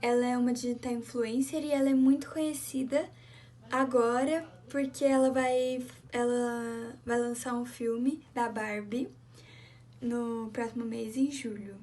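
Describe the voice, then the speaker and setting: A young woman opening a school presentation with slow, deliberate delivery. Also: fairly high pitch, fairly even intonation, darkish tone. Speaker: student presenter. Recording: distant from the mic.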